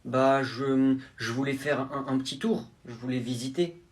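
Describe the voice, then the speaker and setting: Brief: a man in a sketch, hesitant and sheepish, mid pitch. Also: normal speed. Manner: hesitant, apologetic. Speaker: sketch actor. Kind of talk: comedy sketch acting.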